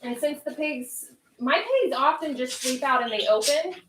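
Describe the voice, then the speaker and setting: A woman's voice: high-pitched, a bit bright, reverberant, distant mic, a little hiss or hum, poor audio. Chatty woman livestream host from the northeastern US. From northeastern United States. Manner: chatty, talks straight to viewers and chat; says she talks fast. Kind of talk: casual livestream chat.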